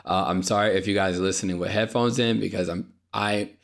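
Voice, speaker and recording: In a deep, steady voice with vocal fry, a young podcast host talks fairly quickly through an unscripted solo monologue. Recorded on a podcast microphone, he sounds tired and apologetic, slightly dry, and often restarts or uses fillers.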